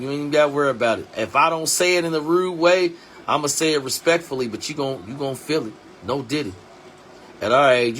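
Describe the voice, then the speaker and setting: A man in his forties hosting a live stream, talking bluntly in street slang and dropping his voice low and quiet to hammer a point home. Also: a little hiss or hum. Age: 40s. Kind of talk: casual live stream talk.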